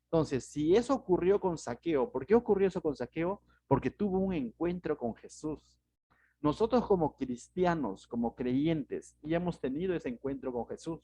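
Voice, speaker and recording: A man's voice: fairly high pitch, lively intonation, moderate pace, warm tone, slightly rough. A man with a Peruvian Spanish accent, a pastor giving verse-by-verse Bible teaching in a conversational way, often asking rhetorical questions.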